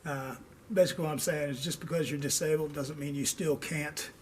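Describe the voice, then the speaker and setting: An older man hosting a do-it-yourself car repair video, out of breath and pausing for air as he rambles through a casual, long-winded explanation. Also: on the high side, steady tone, slight background noise. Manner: rambling, long-winded, pauses for air, tags lines with "okay?". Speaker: DIY car repair host. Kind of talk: casual instructional talk.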